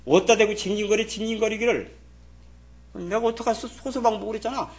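A man in his sixties preaching a sermon as pastor, scolding in a chatty way and swinging from loud exclamations to quiet asides. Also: high voice, fast.

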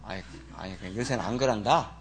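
A male pastor delivering a sermon in church, telling stories with lively swings between low muttering and loud scolding. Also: brisk.

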